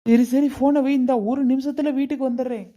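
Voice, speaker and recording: Woman doing a worried grown-up son, slow, mellow n kinda high. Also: steady tone, highs cut off, close to an everyday voice. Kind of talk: cartoon voice acting.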